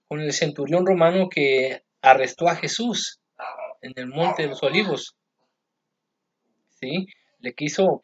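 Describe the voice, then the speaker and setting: A man's voice: a little high, lo-fi sound. A man preaching a sermon, conversational and constantly checking in with "¿sí?" and "¿verdad?". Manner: conversational, keeps asking ¿sí? and ¿verdad?.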